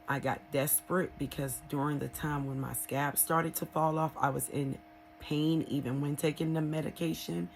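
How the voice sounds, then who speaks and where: A woman talking casually and candidly in an unscripted personal vlog, rambling a little with hesitant pauses. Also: low voice, slight background noise, rough recording. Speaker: vlogger sharing a recovery experience.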